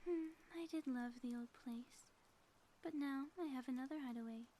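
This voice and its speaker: A woman plays a high, mellow-voiced female supervillain inventor in an ASMR audio drama: sly, grandly theatrical, gloating and menacing, and secretly smitten. Her taunts come in soft, pompous, flowery phrases that often sink toward a whisper, lightly acted at normal speed, with faint noise behind her.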